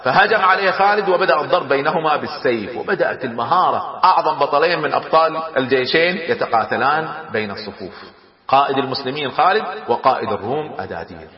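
A man telling a historical story in a lively, dramatic way, often chuckling. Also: fairly high pitch, fast. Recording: echoey hall, dull lo-fi sound.

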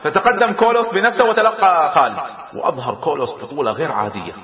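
A man telling a historical story in a lively, dramatic way, often chuckling. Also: on the high side, quick pace. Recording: echoey hall, dull lo-fi sound.

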